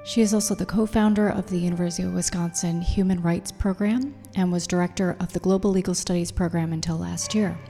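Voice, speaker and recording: A woman hosting a podcast, reading a scripted introduction in a measured, deliberate way and then asking interview questions. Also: lowish voice, fairly even intonation, warm tone. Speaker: podcast host. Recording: reverberant room with music underneath.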